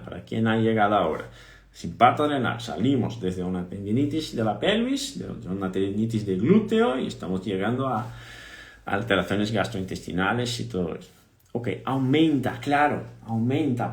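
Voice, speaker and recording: A man teaching a live online physiotherapy lesson, animated, repeating key points and quizzing his audience. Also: medium pitch, echoey room.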